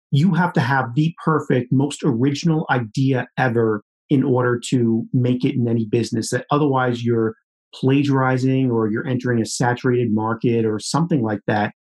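Casting: man, late 30s, podcast host, mid-pitched, calm and reflective interviewer. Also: normal speed, poor audio. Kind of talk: interview conversation.

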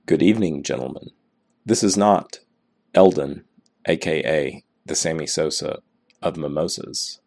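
Very deep man with heavy vocal fry. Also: unhurried, darkish tone. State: hoarse from a cold. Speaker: caller leaving a recorded message.

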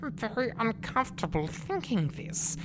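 A woman's voice: a little high, very animated, moderate pace, noisy background. A woman voicing Thornwick, a pompous, suspicious male adventurer wizard, in a comedic audio drama. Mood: scheming. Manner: smug accusing, then blubbering.

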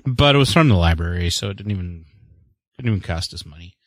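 This podcast co-host talks fast in a low voice with lively intonation, and the recording has no room sound. He rambles casually through movies and books with a wry, self-deprecating humor.

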